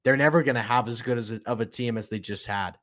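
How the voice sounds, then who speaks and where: A man's voice: medium pitch, fast, fairly bright tone. Fired-up man ranting about football. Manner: impassioned, repetitive ranting. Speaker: podcast host. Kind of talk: solo sports opinion podcast.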